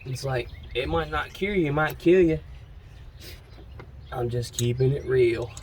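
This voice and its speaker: Man, casual work chat, animated, slangy, birds and faint outdoor ambience. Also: medium pitch, unhurried, slight background noise. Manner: animated, slangy, says "man" and "bro" a lot. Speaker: vlogger working on his brother's truck. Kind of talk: casual chat while working.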